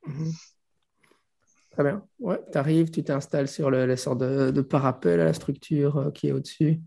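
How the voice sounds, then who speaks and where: A man's voice: on the high side, normal speed, vocal fry, dark tone, breathy edge. A man improvising narration as game master of a tabletop game, hesitantly searching for his words.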